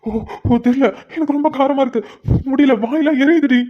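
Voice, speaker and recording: A woman's voice: high voice, steady tone, brisk, natural voice. A woman voicing a young businessman husband in a cartoon, polite on calls and wailing when hurt. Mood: pained. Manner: pleading, wailing in pain. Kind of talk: cartoon voice acting. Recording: dull lo-fi sound.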